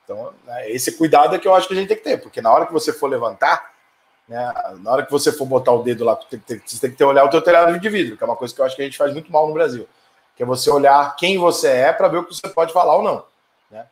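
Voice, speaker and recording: A middle-aged man with a Brazilian Portuguese accent hosting a live stream, reading viewer comments and answering them in a profane, heated, ranting way. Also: medium pitch. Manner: profane, fiery, quick to anger and rant. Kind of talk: casual heated live chat. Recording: echoey room.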